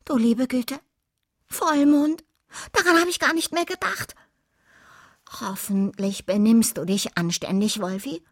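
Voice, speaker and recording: A woman voicing an excitable, bossy young vampire girl in an audiobook, talking high and dramatically. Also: a little slow, pauses often, no echo, clean studio sound. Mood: scolding. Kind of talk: audiobook reading.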